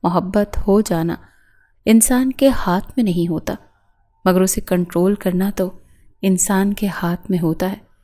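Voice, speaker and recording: A woman's voice: medium pitch, mellow, lightly acted. A woman reading the lines of a tender, heartbroken young heroine in earnest, pleading tones.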